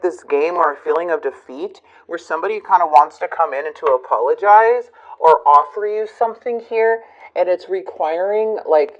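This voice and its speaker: A woman reading tarot cards for her channel, talking reflectively with many fillers and pauses. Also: deep voice, muffled recording. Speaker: tarot reader.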